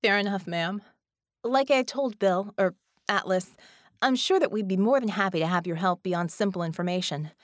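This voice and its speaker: Woman voicing a brisk, earnest metal-skinned heroine. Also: mid-range voice, dry recording, studio quality, close to an everyday voice. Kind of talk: audiobook character voice.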